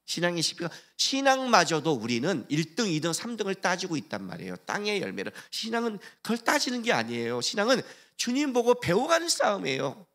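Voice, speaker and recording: A man's voice: sits high, wildly swooping pitch, a little fast, hardly any pauses, a bit bright. A male pastor preaching a sermon in a church, asking the congregation questions and acting out the voices of the people he quotes. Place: church sanctuary.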